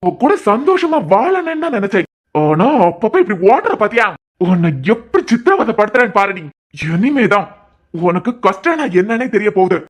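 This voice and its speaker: A woman's voice: fairly high pitch, very animated, moderate pace. A woman voicing a vengeful, jealous young man in a cartoon series, speaking with a Kanyakumari Tamil accent in a threatening, taunting way. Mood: menacing.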